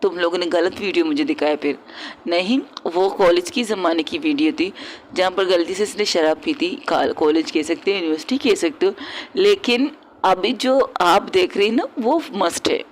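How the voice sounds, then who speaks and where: Teasing young girlfriend at a party, voiced by a woman; amused, lower-pitched. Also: normal speed, a little hiss or hum, close to an everyday voice, poor audio.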